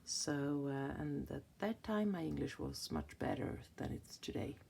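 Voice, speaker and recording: Seated indoors with her hands on a planner, this Swedish vlogger in her fifties chats her way through its pages. Her deep voice is gravelly and warm with a breathy edge, very animated yet measured in pace, though she hesitates, hunts for words and restarts often.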